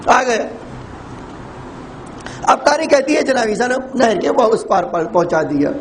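A man preacher telling a moral story to his listeners with dramatic, swooping delivery and sudden shouted lines. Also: very high-pitched, big pitch swings, a little hiss or hum, poor audio. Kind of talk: sermon storytelling.

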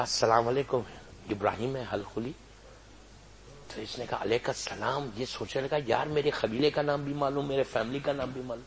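A man preaching a sermon, telling a religious story that swings between soft, hushed narration and loud, raised exhortation. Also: mid-range voice, slight background noise.

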